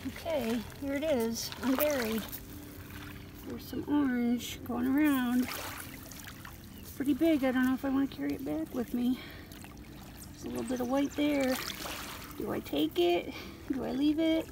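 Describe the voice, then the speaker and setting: Outdoors on a lakeshore beach with a noisy background, a woman films on a handheld phone while hunting for rocks, musing aloud to her viewers in casual rockhounding narration. Her high, creaky voice is fairly even in intonation, unhurried, and broken by long pauses.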